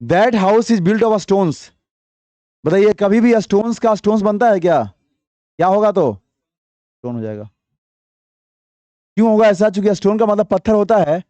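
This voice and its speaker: A man with a high, mellow voice runs an English grammar class, slowly reading example sentences before briskly explaining and repeatedly questioning his students. The recording has no echo and sounds dull.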